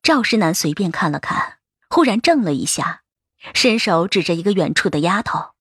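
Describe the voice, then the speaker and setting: A woman narrating a novel as an audiobook in a steady, even storytelling voice. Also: fairly low pitch, normal speed, husky, dry recording, studio quality.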